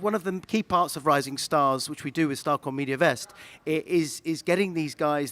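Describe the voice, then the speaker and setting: A man's voice: mid-range voice, a bit bright, no room sound. A man hosting a panel interview at a media festival, talking casually with frequent "uh" and "um" fillers and restarts. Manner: hesitant, many fillers and restarts. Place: festival venue.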